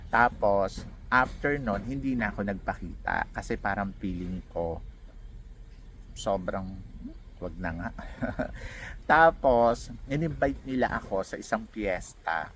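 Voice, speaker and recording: A man casually telling a personal story as a vlogger, animated and laughing often as he acts out what others said. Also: on the low side, a little hiss or hum.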